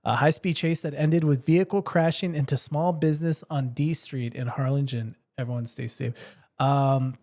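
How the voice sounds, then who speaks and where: A man's voice: mid-range voice, steady tone, moderate pace, dark tone. A man co-hosting a casual local news podcast, joking and laughing often. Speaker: podcast co-host.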